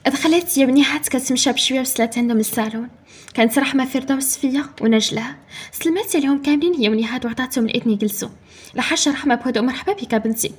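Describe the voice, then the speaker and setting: A woman with a Moroccan accent narrating a dramatic story in rapid storytelling style. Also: sits high, husky.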